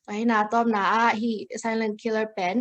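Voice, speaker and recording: A woman's voice: on the high side, level tone, a little slow, highs cut off. A woman giving an online health talk over a video call, speaking hesitantly with fillers and slipping in English medical terms. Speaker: health presenter.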